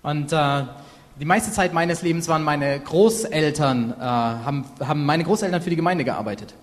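Halting male interpreter in a reverberant hall. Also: a little high. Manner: halting, many fillers and self-corrections. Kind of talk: live sermon interpreting.

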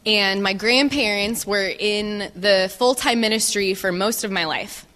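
Woman speaker, bright tone, measured testimony in phrases, big reverberant hall. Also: mid-range voice. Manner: measured, pausing for translation. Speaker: guest speaker. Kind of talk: testimony talk with interpreter.

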